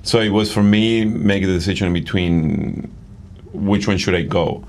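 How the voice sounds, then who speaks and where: A deep-voiced middle-aged man from Argentina chats as a guest in a casual interview. He talks with eager enthusiasm, stumbling through fillers and restarts. Faint noise sits behind his voice. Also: unhurried, a little mellow. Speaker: padel coach and guest.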